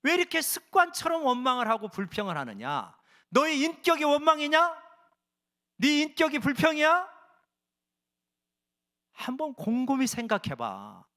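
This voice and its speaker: A man's voice: extremely high pitch, huge pitch swings, moderate pace, pauses often, sharp tone, pitched above the performer's own voice, heavily acted. A man voicing God as a stern father who scolds his people with pointed questions, within a sermon. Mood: reproachful.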